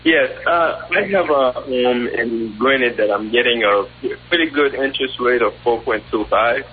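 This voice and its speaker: A man calling in to a radio show over a muffled, underwater-sounding phone line, talking haltingly with many ums and restarts. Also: medium pitch, breathy edge. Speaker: caller. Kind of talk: call-in radio question.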